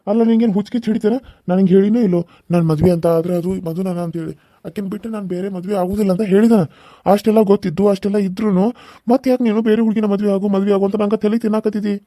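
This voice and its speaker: A man's voice: high voice, steady tone, racing, dark tone, no room sound, studio quality, close to an everyday voice. A man with a North Karnataka Kannada accent voicing an earnest young married son who pleads and explains in a cartoon serial. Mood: pleading.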